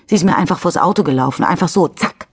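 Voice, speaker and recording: A woman's voice: fairly low pitch, quick pace, breathy edge, no room sound, clean studio sound, pitched above the performer's own voice. Woman reading a shaken, stammering male driver. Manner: shaken, stammering, turning defensive. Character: nervous middle-aged male driver after a crash. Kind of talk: audiobook character reading.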